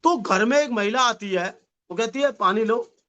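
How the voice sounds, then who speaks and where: A man giving a lively motivational sales seminar, repeating phrases and calling the audience his dear friends, with a slight touch. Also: very high voice, normal speed, clean tone, highs cut off. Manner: animated, repetitive, addresses audience as "my dear friend". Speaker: network marketing trainer.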